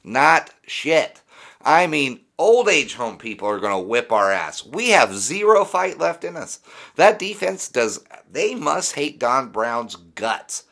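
A man's voice: a little high, sing-song, slow, creaky, fairly bright tone. A man hosting a fan podcast, ranting in an exasperated, sarcastic way with plenty of swearing. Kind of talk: sports fan rant.

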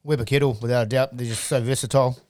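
A man's voice: medium pitch, fairly even intonation, rapid-fire, a little mellow. A man, a podcast guest giving short, easygoing answers. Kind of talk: casual podcast chat.

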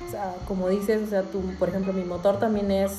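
A woman's voice: medium pitch, flat delivery, brisk, over music. Woman host in an echoey room. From Peru. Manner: chatty, asks follow-up questions. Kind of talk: casual interview. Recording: roomy echoey recording.

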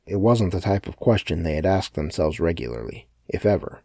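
A man narrating a story as an audiobook in a steady, matter-of-fact way. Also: deep voice, fairly quick, vocal fry, no room sound, studio quality. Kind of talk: scripted narration.

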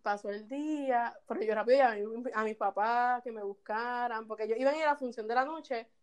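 A lively woman with a Puerto Rican accent tells a story in a relaxed chat. Her voice sits a bit high, and she breaks into laughter often as she talks. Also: fairly quick. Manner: animated, laughing often while telling a story.

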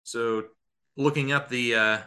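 A man of medium pitch and fairly even intonation speaks a little slowly with a sharp tone. Working as a radio play-by-play commentator on live basketball, he narrates in short clipped present-tense phrases and supplies analysis.

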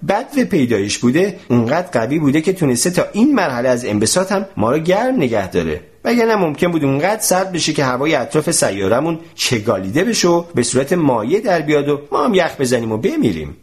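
A man voicing a calm, learned professor explaining science in a storybook reading. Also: fairly high pitch, few pauses.

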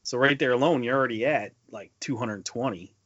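Co-hosting a laid-back film podcast, this man talks a little fast in a medium-pitched, slightly bright voice, pressing his points with emphasis and repetition. There's no room sound, though the lo-fi audio sounds dull.

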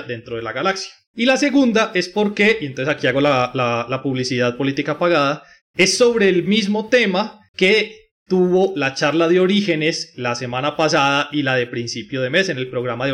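A man, an astronomy professor chatting and explaining news on a podcast in an animated, jokey way. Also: fairly high pitch, moderate pace. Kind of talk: casual podcast chat.

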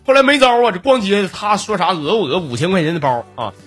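A man's voice: sits high, fast, fairly bright tone, slightly rough, soft background music. A man in his thirties with a Northeastern Chinese accent, hosting a comedy podcast and telling jokes in a chatty, laughing way. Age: 30s. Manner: chatty, joking, laughs between lines. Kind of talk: storytelling jokes.

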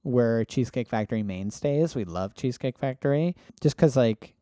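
A man's voice: mid-range voice, expressive, moderate pace, mellow, dry recording, studio quality. A man co-hosting a casual podcast, telling stories with lots of fillers. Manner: chatty storyteller, lots of fillers. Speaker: podcast co-host. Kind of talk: casual chat.

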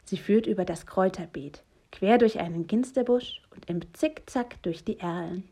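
A woman reading a children's bedtime story aloud, soft and gentle, often hushed. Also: medium pitch, moderate pace. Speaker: reader.

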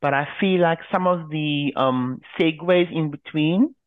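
A man with a fairly high voice rambles through a casual chat as a co-host, restarting his sentences often. His voice comes through a tinny, phone-like line. The sound is dry, with no room echo. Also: a little slow. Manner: rambling, many restarts and fillers. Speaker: podcast co-host.

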